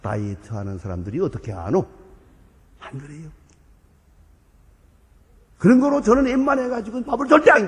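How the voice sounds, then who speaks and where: An older man preaching a sermon as pastor, swinging from booming exhortation to hushed asides and acting out the people he quotes. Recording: long reverb of a large hall.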